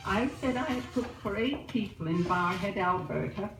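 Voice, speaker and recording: A woman's voice: medium pitch, expressive, moderate pace, recorded from a distance. A woman chatting through a spoken letter to her family back home, heard as an old disc recording. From Australia. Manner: chatty, newsy storytelling. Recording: noisy echoey old disc recorded from afar.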